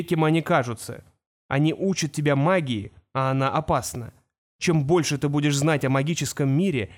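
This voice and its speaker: A stern, fearful father, as a man voices him in an audiobook. He speaks gravely and insists on his warnings, a little lower than the narration. The pitch sits in a higher-than-average male range. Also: natural voice. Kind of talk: audiobook character voice.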